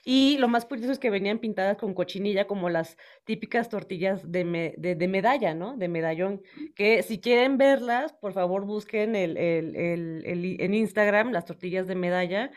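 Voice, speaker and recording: Woman host with a northern Mexican accent, bubbly and chatty, mid-pitched voice. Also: moderate pace. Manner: bubbly, chatty, many fillers. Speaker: podcast host. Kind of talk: casual podcast chat.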